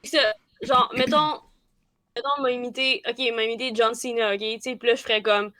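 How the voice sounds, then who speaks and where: A Quebec French woman comedian with a bright, sharp tone. She teases in a deadpan way, and the sound is close and dry. Her pitch runs a touch high. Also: fairly quick, no echo. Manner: teasing, deadpan prompting. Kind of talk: comedic improv chat.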